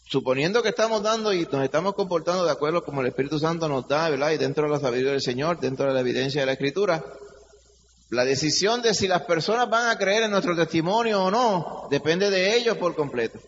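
A man's voice: fairly high pitch, expressive, fast. A man preaching an interactive Bible study sermon, often checking in with his listeners for agreement. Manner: checks in with listeners, "verdad?" and "amen". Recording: reverberant hall, dull lo-fi sound, faint noise.

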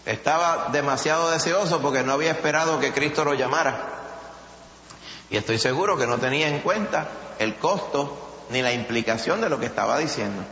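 A man with a Puerto Rican Spanish accent preaching a sermon, animated, acting out quotes with a rising voice. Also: a little high, a little fast. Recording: echoey hall, dull sound, faint noise.

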